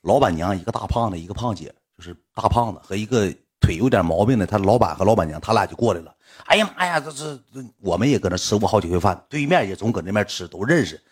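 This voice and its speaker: A man's voice: on the low side, fast, hardly any pauses, breathy edge. A young man with a Northeastern Chinese accent telling a story in casual spoken style, acting out the people in it. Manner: animated, acts out voices of people in the story.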